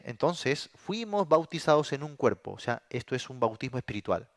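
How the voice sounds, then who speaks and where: A man's voice: mid-range voice, no echo, clean studio sound. A man, a pastor, teaching a Bible sermon in a plain, explanatory way, often asking rhetorical questions. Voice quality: says he suffers from a throat condition.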